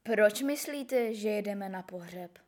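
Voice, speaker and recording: A woman doing a hollow-voiced mournful gentleman. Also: mid-range voice, pitched below the performer's own voice, natural voice. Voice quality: hollow, sepulchral voice. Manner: slow, mournful.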